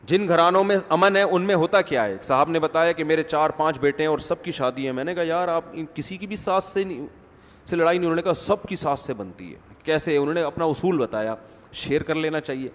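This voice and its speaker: A male religious scholar giving an animated, humorous lecture in which he acts out quotes. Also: fairly high pitch, big-room sound.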